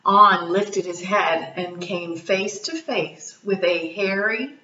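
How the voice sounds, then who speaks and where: A woman reading a children's story aloud, gently asking her young listeners questions. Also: mid-range voice, slow, roomy sound, distant mic, highs cut off.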